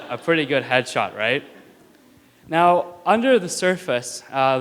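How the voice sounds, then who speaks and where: This Indian student speaker in his twenties gives a prepared stage talk in an auditorium, stuttering on words and syllables yet pushing through, earnest with light jokes for listeners. The mid-range voice is smooth, resonant and a little bright, heard through a stage mic with long hall reverb.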